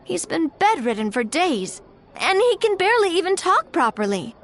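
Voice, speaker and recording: Game role: principled young heroine, high, lively intonation, courteous, composed, firm. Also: female voice, moderate pace, soft background music, full character voice. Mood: weary, explanatory. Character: poised, principled, friendly young woman leader. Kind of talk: animated game voice acting.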